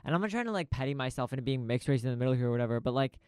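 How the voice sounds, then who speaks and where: A man's voice: medium pitch, animated, very fast, a little mellow, clean tone, no room sound. A man hosting a podcast in a small recording studio, rambling through a profane, stream-of-consciousness info dump. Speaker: podcast host. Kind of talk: casual rambling monologue.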